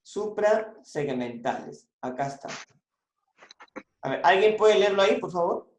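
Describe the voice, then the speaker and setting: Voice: mid-range voice, moderate pace, reverberant, a little hiss or hum. A teacher giving an online class, patiently repeating points and prompting the students to answer.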